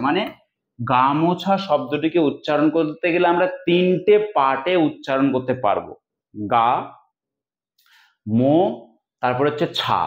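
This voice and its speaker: A fairly high-voiced man gives an exam-prep lecture, breaking words into syllables and repeating them slowly. The sound is dull and lo-fi, with a roomy echo around him. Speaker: teacher. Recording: echoey, dull lo-fi room sound.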